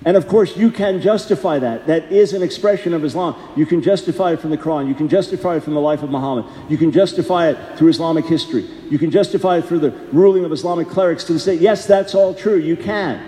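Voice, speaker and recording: A man with a high-sitting voice and a dark tone preaches a sermon, earnest and conversational, often repeating himself for emphasis. The recording is in an echoey hall with long reverb.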